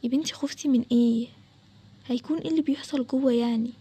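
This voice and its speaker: A woman's voice: fairly high pitch, fast, slightly rough. A woman with an Egyptian accent voicing a bold young boy who confidently reassures and coaxes. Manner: confident, reassuring, hushed at times. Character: bold young boy Adam, daring treasure hunter.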